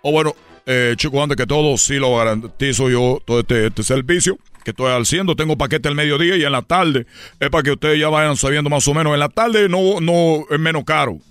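A man's voice: on the high side, brisk, a bit bright, clean tone, dry recording, faint music behind. Rambling comic male storyteller. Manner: rambling storyteller, laughs at own jokes. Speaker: comedy host. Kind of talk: improvised comedy radio sketch.

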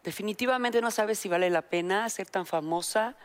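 Middle-aged Mexican woman, talk-show guest, lively candid storyteller. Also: medium pitch, normal speed. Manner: animated storyteller, acts out voices in quotes.

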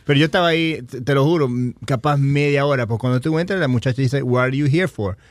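A man on a radio talk show who tells stories loudly, switches between Spanish and English, and acts out the people he quotes with shouts and laughs. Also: medium pitch, fast talker, dry recording, studio quality. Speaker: show regular telling stories. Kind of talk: loud animated storytelling, Spanish mixed with English.

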